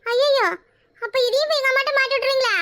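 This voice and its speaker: A woman's voice: very high-pitched, steady tone, fast talker, sharp tone. A woman voicing a scared little schoolboy who skipped school, pleading and fretful, with a Kanyakumari Tamil accent. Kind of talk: cartoon voice acting.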